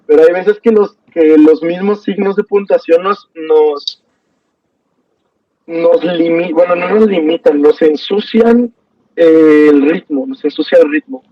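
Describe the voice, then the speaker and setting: A young man teaching an online poetry class, relaxed and hesitant, with many fillers and restarts. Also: a little high, a little slow, dry recording, far from the mic. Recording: dull, dry sound from off mic.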